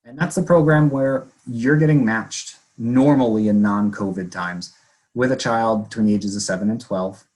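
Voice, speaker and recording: A man with a somewhat low voice talks earnestly over a video call, easing along with casual fillers. His audio keeps cutting out, so the volume swings unevenly from loud to faint. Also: moderate pace, rough recording. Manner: earnest, conversational, fillers like "you know". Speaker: volunteer program presenter. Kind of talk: informational webinar talk.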